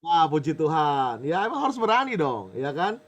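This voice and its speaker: A man preaching as a pastor in a lively sermon, bantering with the audience and reading a letter aloud. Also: a little high, normal speed, muffled recording.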